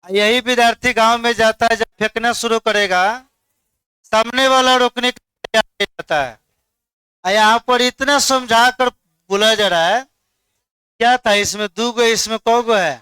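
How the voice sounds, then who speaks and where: A man's voice: extremely high pitch, fairly even intonation, normal speed, sharp tone, clear, resonant tone, no echo. A man teaching a chemistry class, coaxing students and quizzing them by name. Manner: coaxing, repeats "dekhiye" to hold attention, quizzes students. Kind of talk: classroom lecture.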